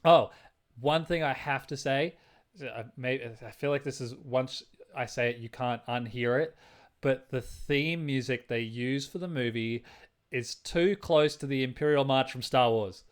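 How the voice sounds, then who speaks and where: A man's voice: mid-range voice, measured pace, clear, resonant tone. A man co-hosting a podcast, chatting casually about a film, stumbling and restarting often and humming tunes aloud. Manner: hesitant, many restarts, hums tunes aloud. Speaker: podcast co-host.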